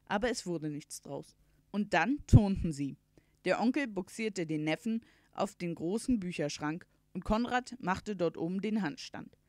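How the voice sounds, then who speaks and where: Female storybook reader, low voice, dry close sound, clear even pacing. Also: measured pace, no room sound. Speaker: audiobook reader. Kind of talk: storybook reading aloud.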